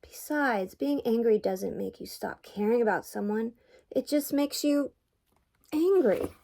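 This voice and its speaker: A woman's voice: on the high side, lively intonation, a little slow, vocal fry. A grandmother voicing a brave, loyal young male Fraggle in a read-aloud storybook. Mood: gentle. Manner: firm then gentle, forgiving.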